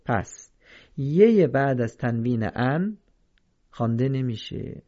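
A man teaching the rules of Quran reading in a recorded lesson, speaking slowly and carefully and repeating each example to set right readings against wrong ones. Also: mid-range voice, animated, dark tone, muffled recording.

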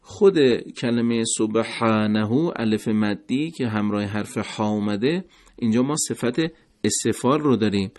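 A man giving a pronunciation lesson, speaking deliberately and repeating words slowly to demonstrate each sound. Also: fairly low pitch, a little mellow. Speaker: recitation teacher.

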